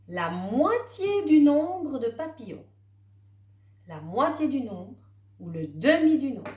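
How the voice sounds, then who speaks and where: Slow, lively woman teacher, roomy sound. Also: mid-range voice, distant mic. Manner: slow, gentle, counting aloud to a child. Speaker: primary school teacher. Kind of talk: children's math lesson.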